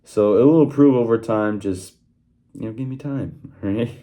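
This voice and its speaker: At normal speed and in a warm, fairly low voice, a young man offers sports predictions for his channel, recorded in one take on his phone in a small home workroom. He keeps it casual and conversational, stumbling through frequent fillers and restarts.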